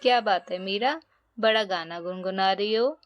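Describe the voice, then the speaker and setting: A woman voicing a caring mother who speaks softly and gently to her children. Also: mid-range voice, normal speed, no echo, natural voice. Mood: motherly. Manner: soft, motherly. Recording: dull lo-fi recording.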